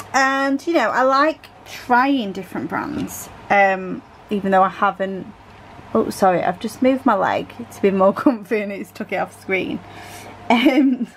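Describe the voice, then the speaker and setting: A British woman chatting unhurriedly while she crafts at home, her pitch sitting in an ordinary middle range. She rambles and corrects herself in little asides. A faint hum of room noise sits under her voice. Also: poor audio. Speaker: crafting vlogger. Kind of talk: casual chat while diamond painting.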